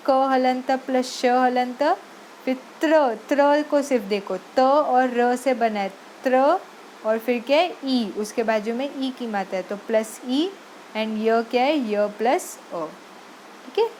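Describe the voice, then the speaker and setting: Slow, patient high-voiced woman teacher. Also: a little mellow, slight background noise, low-quality recording. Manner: patient, spells out syllables slowly, mixes English words into Hindi. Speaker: Sanskrit teacher. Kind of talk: online lesson.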